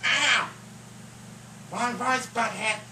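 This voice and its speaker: A teasing, sarcastic sock puppet, voiced by a man, hosts a children's show with exclamatory banter. The voice is sharp and unhurried, over faint noise from a home recording. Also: extremely high pitch, full character voice.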